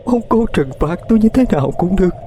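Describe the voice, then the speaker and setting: A man's voice: high voice, animated, fast, mellow, a little hiss or hum, voice pushed up. A man voicing a guilt-ridden older woman who stammers and begs a ghost for mercy. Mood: pleading. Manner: stammering, pleading, sobbing.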